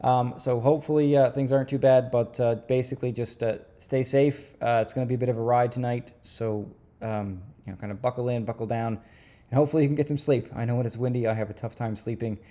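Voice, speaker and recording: Mellow-voiced man briefing on the weather. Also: medium pitch, fairly even intonation, quick pace. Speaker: weather forecaster and vlogger.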